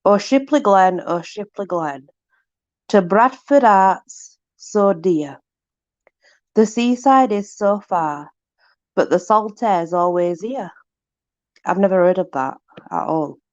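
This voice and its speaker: A Yorkshire woman hosts a book reading, reading aloud casually and chattily with informal, exclamatory asides to a companion. Her medium-pitched voice has lively intonation, a slow pace with long pauses, and a darkish tone. The recording has no echo, but the highs are cut off.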